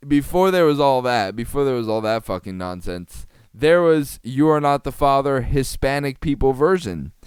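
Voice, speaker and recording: A man's voice: medium pitch, expressive, normal speed, hardly any pauses, clean tone, no room sound, clean studio sound. A man hosting a podcast, giving sarcastic, rambling comedic commentary on a TV clip and laughing often. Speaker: podcast host.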